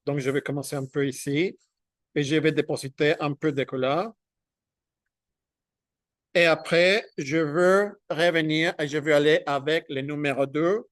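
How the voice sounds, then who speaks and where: A man giving a hands-on drawing tutorial, talking in halting bits as he demonstrates and checking in with "ok?" as he goes. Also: fairly high pitch, steady tone, no room sound, clean studio sound. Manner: halting, thinks aloud while demonstrating; checks in with "ok?" often. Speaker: drawing instructor.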